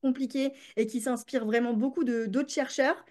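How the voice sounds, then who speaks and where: A woman's voice: a little high, fairly even intonation, normal speed, darkish tone. A woman, a creativity coach, chatting as a podcast guest with many fillers and restarts. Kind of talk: casual podcast interview.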